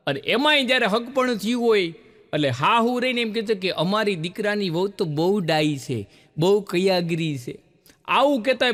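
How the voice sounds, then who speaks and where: A man's voice: high voice, in a large hall. A man with a Gujarati accent telling jokes on stage, acting out the voices in his stories. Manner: animated storyteller, acts out quoted voices. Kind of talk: stand-up joke telling.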